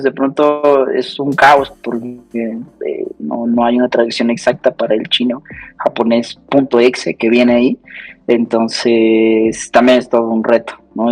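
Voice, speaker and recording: A man's voice: mid-range voice, low-quality recording. Thoughtful man, guest in an interview. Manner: thoughtful, hesitant, many fillers and tag questions. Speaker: cybersecurity analyst, guest. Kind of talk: casual conversational interview.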